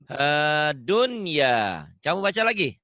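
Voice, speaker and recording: A male Quran teacher, running a one-on-one tajwid lesson. His voice is bright and forward, and his pitch swings widely, jumping up high on each question. The sound is dry and close, with almost no room around him. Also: slow, no echo. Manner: patient, questioning, repeats points, animated rises on questions.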